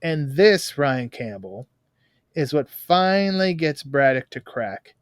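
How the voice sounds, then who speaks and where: A man hosting a podcast, retelling a film's plot in a lively way with quick asides. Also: a little high, no echo, clean studio sound. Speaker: podcast host. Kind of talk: casual film-review chat.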